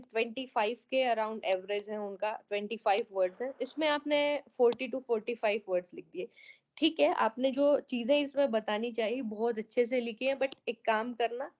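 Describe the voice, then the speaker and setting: Woman teacher on an online class giving essay feedback, bit high voice, muffled call audio. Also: a little mellow. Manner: explaining patiently, often checking in with students. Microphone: online meeting audio.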